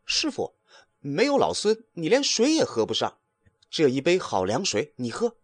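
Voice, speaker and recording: A man's voice: on the high side, wildly swooping pitch, moderate pace, pitched above the performer's own voice. A man voicing a brash, cheeky male monkey king who talks boastfully and defiantly. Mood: coaxing.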